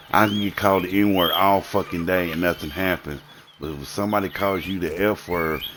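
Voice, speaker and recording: A man with a very low voice rants on a live stream, heated and profane, circling back over the same points again and again. Faint music plays underneath him. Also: fairly bright tone. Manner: heated, profane, repetitive ranting.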